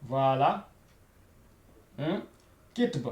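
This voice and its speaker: A man's voice: mid-range voice, sing-song, drawn-out words, a little mellow. A man teaching a beginner Arabic lesson, repeating each word and checking in with frequent "voilà" and "hein?". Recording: echoey room.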